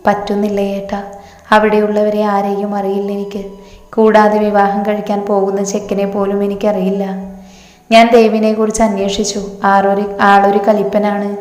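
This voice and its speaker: A woman voicing a shy young bride-to-be who speaks softly and hesitantly. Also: mid-range voice, monotone, moderate pace, natural voice. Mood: anxious. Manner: soft, timid and hesitant. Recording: roomy reverb with faint music.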